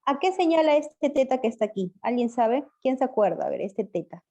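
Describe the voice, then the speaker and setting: A woman teacher giving an online language class, patiently quizzing her pupils and spelling words out slowly. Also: high-pitched, expressive, dark tone. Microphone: video call. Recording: muffled lo-fi video call audio.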